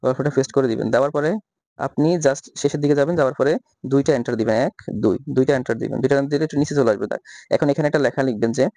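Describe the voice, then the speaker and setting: A man talking through a software tutorial step by step, asking himself questions and answering them. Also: medium pitch, steady tone, very fast, vocal fry, no echo. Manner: repetitive step-by-step instructions, rhetorical questions. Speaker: tutorial host. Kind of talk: screen-recorded software tutorial.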